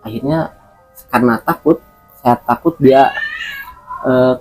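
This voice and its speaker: Hesitant man telling his story, mellow voice. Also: mid-range voice, slow, faint music behind, rough recording. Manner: hesitant, restarts and repeats words with many fillers. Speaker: interview guest. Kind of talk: recounting a personal experience.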